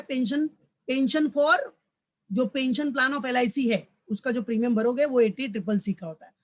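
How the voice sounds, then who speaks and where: In this recorded tax lecture in mixed Hindi and English, a man with a very high, somewhat bright voice teaches college commerce. He takes a fatherly tone, addressing students as "beta," going over each point twice and answering his own questions.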